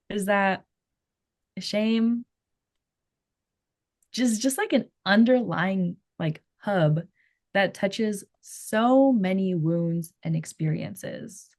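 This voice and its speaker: A woman therapist with a Filipino accent, talking through ideas in a thoughtful, gentle way on a casual podcast and searching for her words. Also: mid-range voice, no room sound, studio quality.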